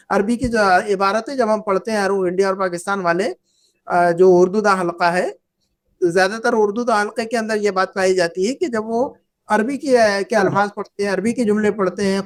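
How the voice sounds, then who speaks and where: A woman whose first language is Urdu, teaching an Arabic grammar lesson, patiently repeating verb forms and asking the class questions. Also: mid-range voice. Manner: asks the class questions and invites answers.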